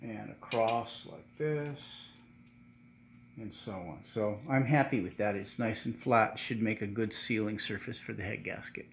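A middle-aged man giving a casual workshop how-to, talking in a halting way with many fillers and restarts. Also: fairly low pitch, gravelly, slight background noise. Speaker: channel host restoring cars. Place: home garage workshop, indoors.

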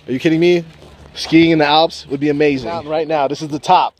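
A young man filming a travel vlog outdoors in the mountains on a selfie stick camera, excitable and whooping as he rides up and paraglides. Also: on the high side, fast, a little hiss or hum. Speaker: travel vlogger. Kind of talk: casual vlog narration. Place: outdoors on a mountain, cable car then paragliding.

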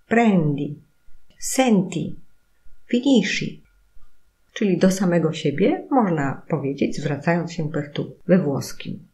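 A woman teaching an Italian grammar lesson, explaining slowly and stressing each example word. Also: low-pitched, mellow. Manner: slow, careful explaining with emphatic model words. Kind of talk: recorded language lesson.

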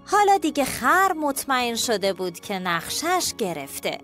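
A woman narrating a children's cartoon story in a lively, expressive way, speaking straight to the children. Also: a little high, soft background music.

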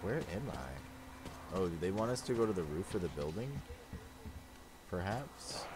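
Deep-voiced, slangy male game streamer. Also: animated, measured pace, noisy background. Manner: slangy, sweary, laid-back. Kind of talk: casual gameplay commentary to chat. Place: indoor room, webcam gameplay stream. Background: video game sounds.

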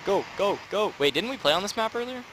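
A young man hosting a casual let's-play, playful and quick to laugh. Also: sits high, expressive, noisy background. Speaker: gaming channel host.

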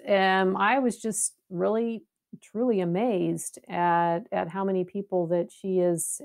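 Enthusiastic West Coast woman guest. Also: medium pitch. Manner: enthusiastic, laughs often, repeats words while thinking. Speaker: guest, paranormal investigator. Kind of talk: casual interview talk.

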